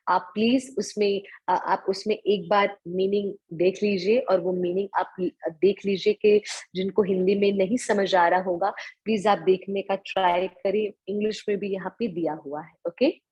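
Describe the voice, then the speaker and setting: A woman's voice: mid-range voice, steady tone, normal speed, a little mellow, slightly rough. A woman teaching Sanskrit verses in an online class, patiently breaking words apart, repeating lines and mixing English words into Hindi. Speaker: scripture teacher.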